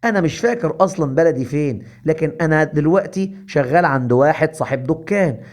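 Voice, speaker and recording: A man's voice: a little high, animated, fast, lightly acted. A man with an Egyptian accent voicing a bumbling, hapless fool who pleads and frets. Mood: whiny. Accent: Egyptian Arabic. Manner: pleading, flustered. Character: bumbling hapless adult male fool, Juha.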